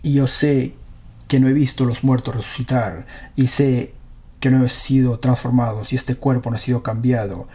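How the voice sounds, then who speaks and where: A man's voice: medium pitch, little pitch movement, moderate pace, mellow. A man preaching a sermon, reading scripture aloud and earnestly questioning his congregation.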